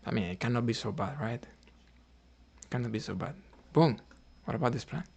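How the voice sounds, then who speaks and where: A man from Cuba narrates his own chess game live on stream, thinking aloud, frequently saying "right?" and chatting with viewers between moves. His medium-pitched voice is expressive and creaky with a breathy edge, at normal speed.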